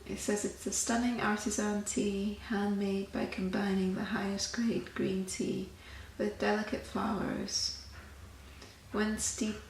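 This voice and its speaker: A woman talks in a soft-spoken ASMR chat, gentle and unhurried. Her voice has a noticeable creak, and it sits in a roomy, echoing space with faint noise behind it. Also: medium pitch. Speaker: host of a tea meditation channel.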